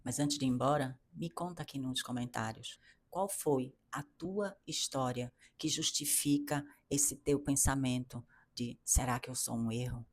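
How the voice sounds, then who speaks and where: A woman's voice: extremely low pitch, measured pace. A middle-aged woman with a Brazilian Portuguese accent giving an earnest, emphatic motivational talk to women, repeating phrases and restarting often. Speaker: coach for women.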